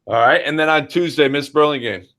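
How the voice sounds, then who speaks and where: A man's voice: fairly high pitch, brisk, a bit bright. An American man hosting an informal question-and-answer orientation as a school administrator, speaking directly to parents and children. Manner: addresses parents and children directly, checks in with frequent "all right".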